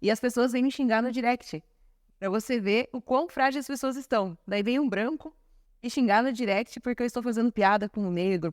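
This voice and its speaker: A woman co-hosting a podcast, talking in a quick, emphatic way. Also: on the high side, dry recording, clean studio sound. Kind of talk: opinionated podcast conversation.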